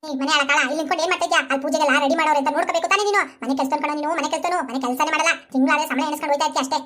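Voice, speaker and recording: Woman doing a shrill scolding old mother-in-law. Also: steady tone, a bit bright. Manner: shrill rapid cursing. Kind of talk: animated comedy cartoon voice.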